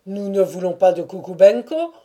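A woman reading an audiobook and voicing a crowd of rowdy, drunken male Cossacks with shouted, high-pitched cries. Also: measured pace, natural voice. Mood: shouting. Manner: shouting, rough, cries of names.

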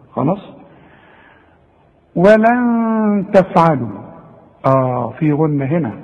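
A man's voice: high-pitched, in a large hall, poor audio. A man with an Egyptian Arabic accent teaching Quran recitation rules, speaking straight to the student and modelling the right pronunciation. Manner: animated, addresses the student directly and models the correct pronunciation. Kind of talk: Egyptian Arabic tajweed lesson.

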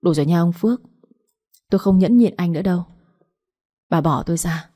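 An indignant middle-aged wife in an audiobook, scolding hard, as a woman reads her. Low, warm voice with a husky grain. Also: fairly quick. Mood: angry.

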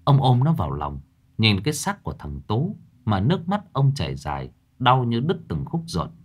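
A man's voice: medium pitch, wildly swooping pitch, moderate pace, breathy edge. A man narrating a horror story in a dramatic storytelling manner.

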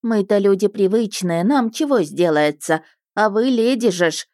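A woman's voice: mid-range voice, expressive, moderate pace, a little mellow, no room sound, clean studio sound, natural voice. A woman voicing a fussy, doting village peasant woman who clucks and laments in folksy speech. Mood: fussing.

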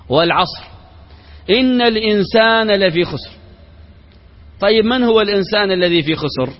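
A man, an Islamic sheikh, giving a religious lecture built on rhetorical questions and parables, mixing formal speech with everyday colloquial words. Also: sits high. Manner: mixes formal Arabic with colloquial. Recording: reverberant hall, dull lo-fi sound.

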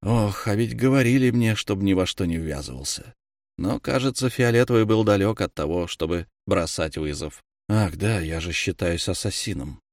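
Low calm male audiobook narrator. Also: moderate pace, no echo, studio quality.

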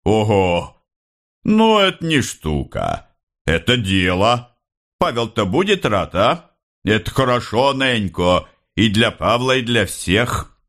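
A man voicing a warm, outspoken young male revolutionary in an easy, talkative and friendly way. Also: low-pitched, expressive, unhurried. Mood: delighted.

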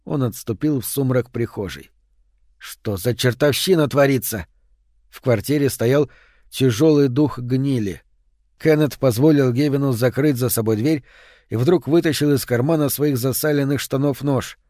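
A male audiobook narrator with a mid-pitched voice reads in a measured, even way. The sound is dry and close to the mic, with no room echo. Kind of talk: audiobook reading.

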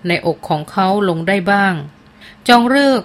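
A woman's voice: mid-range voice, expressive, moderate pace. Woman reading a novel aloud. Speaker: audiobook narrator. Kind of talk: scripted narration of a novel.

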